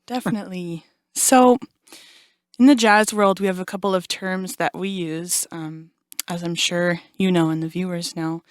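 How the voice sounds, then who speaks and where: A woman's voice: fairly low pitch, normal speed, no room sound, clean studio sound. A young woman, a jazz vocalist, telling stories in an interview and acting out the quotes she tells. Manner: animated storyteller, acts out quotes. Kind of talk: casual interview chat.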